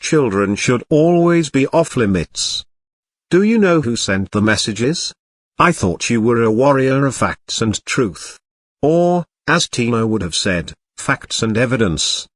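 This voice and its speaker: A man giving scripted reaction commentary in a dry, sarcastic, measured way. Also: medium pitch, lively intonation, dry recording. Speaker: commentary channel host.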